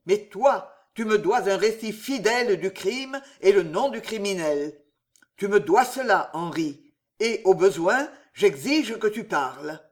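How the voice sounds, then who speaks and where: A man's voice: high-pitched, lively intonation, a little slow. A man voicing an anguished young nobleman who commands his brother to tell the truth, in a storybook reading. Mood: tormented. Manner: commanding, tormented.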